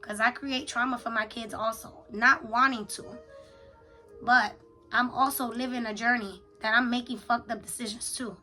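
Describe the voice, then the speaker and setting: A woman's voice: fairly high pitch, fairly even intonation, normal speed, bright, forceful tone, faint music behind, rough recording. A woman talking candidly in a confessional vlog, with a raw, unfiltered, sweary and slangy way of speaking. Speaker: vlogger, spiritual journaler.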